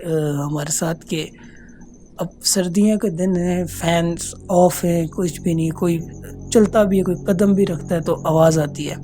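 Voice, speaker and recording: A man telling a true ghost story as a casual voice note, earnest and hesitant, pausing often. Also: sits high, dark tone. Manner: earnest, unhurried, hesitant with many pauses. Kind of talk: casual spoken recounting of a true horror experience. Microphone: phone voice note.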